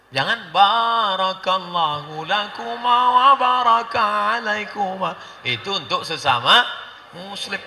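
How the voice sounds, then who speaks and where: Bright joking preacher in an echoey hall. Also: male voice. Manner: joking, acts out congregants' questions in high voices. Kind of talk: humorous Islamic sermon.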